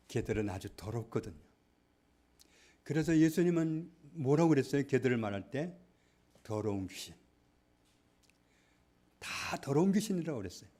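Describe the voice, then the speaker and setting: A male pastor preaching a sermon, stressing points loudly and then dropping to hushed asides. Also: medium pitch. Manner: emphatic, swings between loud stresses and hushed asides. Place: church.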